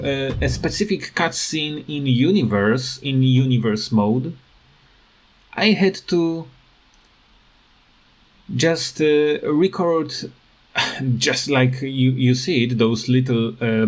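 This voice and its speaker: A gaming video creator rants casually over game footage, his phrasing halting and non-native. His voice sits in the mid-range.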